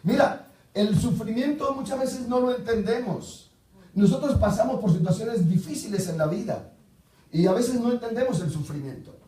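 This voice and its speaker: A man preaching a sermon as pastor, repeating rhetorical questions and swinging between loud outbursts and low murmurs. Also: normal speed, reverberant, distant mic, rough recording.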